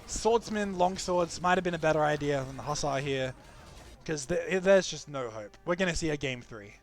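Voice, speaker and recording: Male esports caster, fairly high voice, chatty live commentary. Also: expressive, normal speed, faint music behind. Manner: chatty, frequent restarts and fillers.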